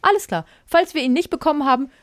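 A woman's voice: sits high, quick pace. Chatty giggly woman podcast host. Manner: chatty, giggly, thinks aloud. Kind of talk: casual sex-talk podcast chat.

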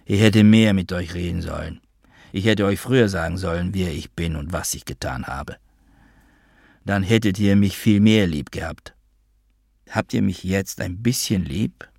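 A man's voice: low-pitched, normal speed, creaky, darkish tone, slightly rough, no echo, studio quality, heavily acted. A man reading the part of a self-important elderly father who was once a double agent, wheedling and boastful. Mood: wistful.

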